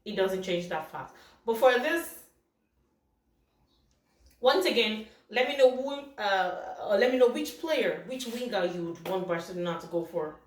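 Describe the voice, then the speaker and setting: A woman's voice: medium pitch, lively intonation, unhurried. Upset woman vlogging in an echoey room. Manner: upset, exasperated, repetitive. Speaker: football vlogger. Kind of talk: casual vlog commentary. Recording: echoey room heard from a distance.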